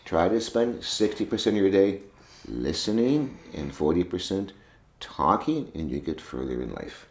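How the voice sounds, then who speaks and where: Speaking to veterinary students in a conference room, a man delivers a casual, folksy lecture and goes over points more than once. His deep voice is a little mellow and sing-song, at a moderate pace. Sound is echoey with a faint ambience.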